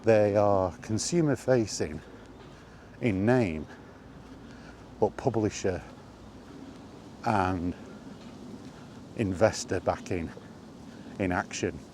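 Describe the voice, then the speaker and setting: A video host with a fairly low, darkish voice walks while giving an unscripted monologue of his gaming opinions. He speaks emphatically and deliberately, repeating phrases and asking rhetorical questions, with noticeable ambient noise behind him.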